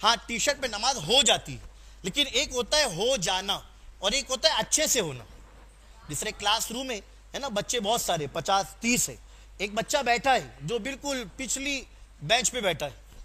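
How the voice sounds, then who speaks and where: A man with a very high, sharp voice gives a sermon that exhorts the congregation and calls on them to answer his questions. Personal stories, told conversationally, are mixed throughout.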